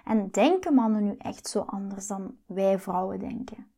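A woman, hosting a podcast and telling a personal story in an earnest, confiding way that often turns hushed and breathy. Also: medium pitch, expressive, normal speed. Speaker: podcast host and love coach.

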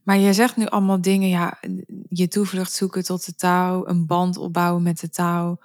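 A woman's voice: fairly low pitch, little pitch movement, normal speed, no echo, clean studio sound. A woman co-hosting a podcast, chatty and inquisitive, retelling what she read. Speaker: podcast co-host. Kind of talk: casual podcast conversation.

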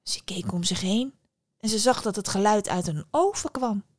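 Female storyteller host, calm and expressive, dry close recording. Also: mid-range voice, normal speed, dry recording. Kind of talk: fairy-tale storytelling.

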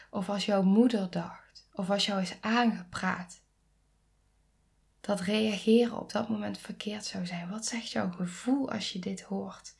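A woman in her thirties talks straight to her listeners in an intimate podcast monologue. Her voice has a rough, creaky edge and sits at an ordinary pitch. She often slows down and sinks into soft, breathy near-whispers, then presses her points with emphatic, pleading force. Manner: rises to emphatic, pleading tones. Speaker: podcast host.

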